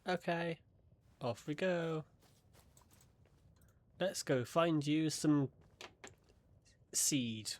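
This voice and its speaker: A man's voice: fairly high pitch, drawn-out words, pauses often. A man casually commenting while playing a game, making chatty, wry asides to what the narrator says. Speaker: game streamer. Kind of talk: casual let's-play commentary.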